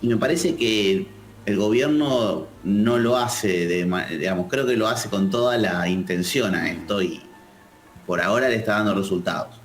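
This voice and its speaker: A man with an Argentine accent, a political analyst answering interview questions in a measured, thoughtful way. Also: on the low side, echoey room, faint music behind. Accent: Argentine Spanish. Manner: measured, thoughtful, with frequent restarts.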